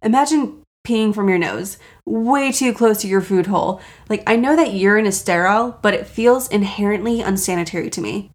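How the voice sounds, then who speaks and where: A woman hosting a casual, jokey solo podcast, self-deprecating and sweary, with a raspy voice, audible vocal fry and a sore throat. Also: medium pitch, moderate pace, few pauses. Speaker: podcast host.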